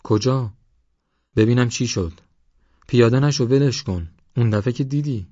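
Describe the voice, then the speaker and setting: A man's voice: medium pitch, warm tone, no echo, lo-fi sound, voice pushed up, lightly acted. A man voicing a frightened young passenger in an audiobook, urgent and anxious. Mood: anxious pleading. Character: frightened young man on a night truck ride.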